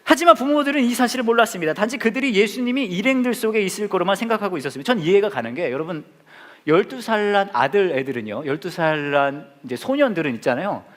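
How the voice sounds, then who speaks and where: A man's voice: high-pitched, lively intonation, fast. A man in his forties preaching a playful sermon, joking and acting out scenes with his congregation.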